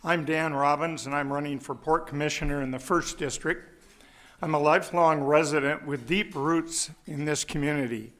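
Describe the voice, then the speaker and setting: A man's voice: on the high side, steady tone, normal speed, fairly bright tone. A man over sixty, a candidate, giving a plain, matter-of-fact prepared opening statement at a forum. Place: meeting hall.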